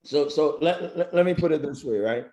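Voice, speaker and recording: A man's voice: fairly high pitch, normal speed, dark tone, dull audio. A man co-hosting a casual podcast chat, teasing his friend with laughter and repeated phrases. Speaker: podcast co-host.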